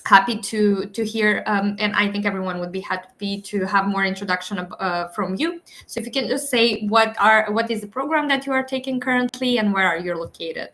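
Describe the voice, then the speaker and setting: A woman hosting a live webinar over a video call, speaking formally and unhurriedly with frequent filler pauses. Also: medium pitch, a bit bright. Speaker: webinar host.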